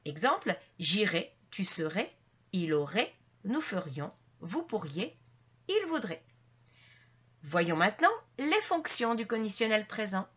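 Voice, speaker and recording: A woman's voice: medium pitch, very animated, unhurried, a bit bright, slightly rough, highs cut off. A woman teaching a French grammar lesson to her channel's viewers, explaining patiently step by step with frequent fillers and restarts.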